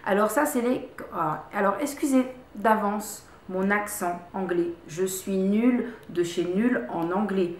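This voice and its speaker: A woman's voice: medium pitch, a little slow, few pauses. Chatty woman reviewing products in an echoey room. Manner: chatty, repeats words, many fillers and restarts. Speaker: beauty vlogger. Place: room at home.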